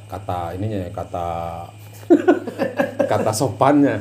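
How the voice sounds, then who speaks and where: A man's voice: lowish voice, animated, unhurried, warm tone. A man hosting a casual podcast interview, agreeable and often answering with short affirmations and fillers. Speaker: podcast host.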